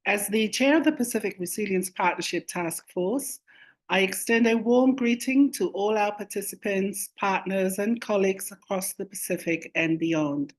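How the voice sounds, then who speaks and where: A woman delivering a formal, measured welcome address as a chairperson. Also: mid-range voice. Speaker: government chief executive and task force chair. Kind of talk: formal prepared welcome speech.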